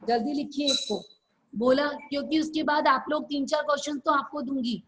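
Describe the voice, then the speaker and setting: A woman teacher dictating answers slowly in an online class over a video call, repeating each phrase for her students. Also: high voice, steady tone, a little hiss or hum, rough recording. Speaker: school teacher.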